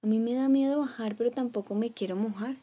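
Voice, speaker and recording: A woman voicing a timid, stubborn cat stuck up a tree, speaking its thoughts quietly in a storybook reading. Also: fairly high pitch, fast talker, husky. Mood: worried.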